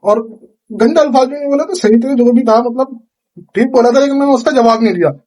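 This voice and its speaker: Young Indian man, high voice, chatty storyteller vlogging from his kitchen at night. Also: a little fast. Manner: chatty, animated retelling with quoted dialogue. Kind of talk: casual storytelling vlog.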